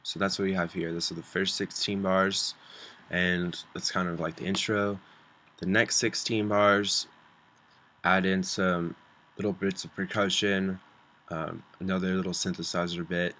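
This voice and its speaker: A man with a stuffy voice from a cold, casually walking a friend through a music software tutorial. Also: low voice, flat delivery, unhurried. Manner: casual, with fillers like um. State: stuffy, under the weather. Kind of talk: screen-recorded software tutorial.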